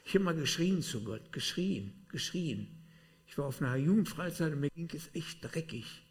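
A man preaching a sermon, swinging between loud outbursts and hushed asides. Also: fairly high pitch, animated, moderate pace.

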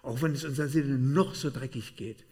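Animated preacher man. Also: medium pitch, brisk. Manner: animated, shifting between loud outbursts and hushed asides. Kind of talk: sermon.

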